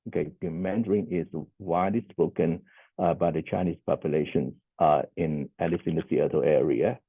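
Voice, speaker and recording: A man from Hong Kong whose first language is Cantonese gives a conference presentation as a social worker over a video call. His very deep voice is husky and gravelly, with fairly even intonation, and he speaks in a measured, deliberate way, closing each point with "okay." The audio sounds tinny and phone-like, close and dry with no room echo.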